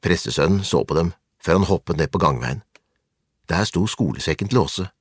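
A man reading a children's storybook aloud in a calm, measured way. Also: low-pitched, breathy edge, no room sound, studio quality. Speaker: narrator.

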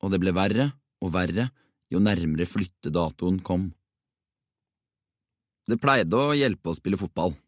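A man narrating a children's novel in a steady, expressive audiobook reading. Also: low-pitched, long pauses, no room sound, clean studio sound.

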